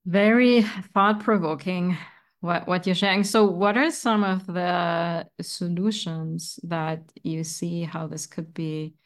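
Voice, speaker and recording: Low-voiced woman from germany hosting a podcast, agreeable, chatty. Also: steady tone, slow pace. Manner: agreeable, with short listening replies. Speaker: podcast host. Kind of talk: casual interview conversation.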